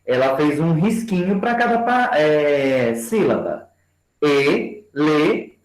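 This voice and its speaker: A man giving a training lecture to teachers and slowly spelling out example words for his class. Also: a little high, big pitch swings. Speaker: education lecturer. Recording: roomy echo.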